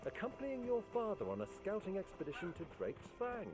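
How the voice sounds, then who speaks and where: Lively old gentleman, theatrical and swooping. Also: high-pitched, fairly quick, music in the background. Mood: fond, amused. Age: older. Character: spry, lively old uncle of a fantasy hero, genial and eager. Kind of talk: video game fantasy dialogue.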